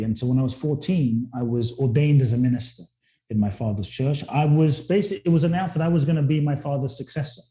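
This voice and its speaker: With a warm, mid-range voice, a guest speaker born in Ghana and raised in London tells his story earnestly and reflectively. He tends to repeat words when opening sentences, and the recording carries a roomy echo.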